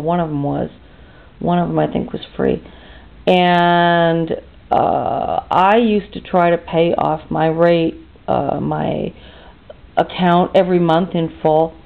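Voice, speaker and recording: A woman's voice: lowish voice, gravelly. Tired, indignant American woman, fifties, chatty vlog rant, lo-fi phone-quality sound. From United States. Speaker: vlogger. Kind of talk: casual monologue rant. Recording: tinny phone-like audio.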